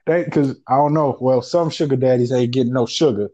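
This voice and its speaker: A man's voice: medium pitch, fairly quick, warm tone, muffled recording. A man co-hosting a podcast, chatting casually in a teasing way. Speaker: podcast co-host. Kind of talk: casual banter.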